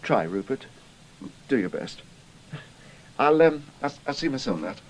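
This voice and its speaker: An English-accented actor voices a young British Cambridge man turned spy in a radio drama, making him idealistic, indignant, earnest, and hesitant. His mid-range voice is very animated and a little slow, and the recording is rough.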